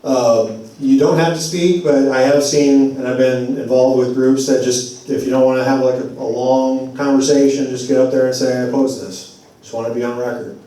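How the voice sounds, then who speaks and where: A man's voice: medium pitch, flat delivery, moderate pace, hardly any pauses, dark tone. Man addressing a forum in an echoey hall. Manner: conversational, loose and digressive. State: losing his voice. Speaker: advocacy group speaker at a community forum. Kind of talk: public address at a community meeting. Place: church meeting hall. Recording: very echoey hall, voice far from mic.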